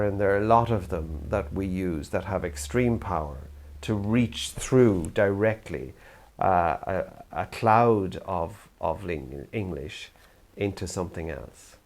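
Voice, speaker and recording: A youth theatre practitioner, an older Irishman, addresses the camera with earnest reflection. His voice is low and dark in tone.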